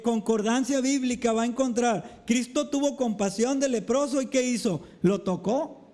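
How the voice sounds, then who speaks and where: A man preaching a sermon as a pastor, calling the congregation brethren over and over, speaking slowly with emphatic drops in his voice. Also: very high-pitched, dark tone. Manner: preaching with repeated address to the brethren; slow, emphatic delivery with dramatic drops. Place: church.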